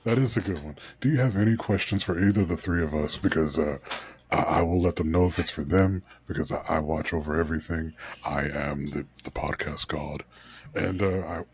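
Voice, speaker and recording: A man's voice: very deep voice, a little fast, husky. A man hosting a casual podcast chat, rambling with fillers and laughing easily. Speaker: podcast host.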